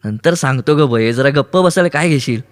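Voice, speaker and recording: A man's voice: medium pitch, fairly quick, in a large hall, pitched above the performer's own voice, natural voice. Man doing a dry, joking young man. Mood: wry. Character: calm joking young man rowing a boat. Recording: sea waves behind voice. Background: ocean waves sound effects.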